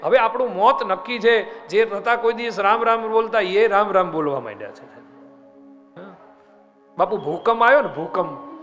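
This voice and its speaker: A man's voice: sits high, fairly bright tone. A man giving a devotional sermon and telling a story dramatically, often speaking straight to his audience. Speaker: spiritual storyteller and preacher. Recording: live hall reverb with music underneath.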